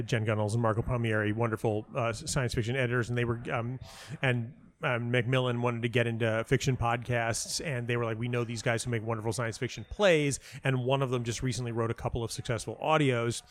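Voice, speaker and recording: Speaking at a medium pitch, this middle-aged interview guest, a playwright who writes audio drama, recounts stories in a chatty way. He stammers, repeating words as he goes, and performs the dialogue he quotes with lively energy.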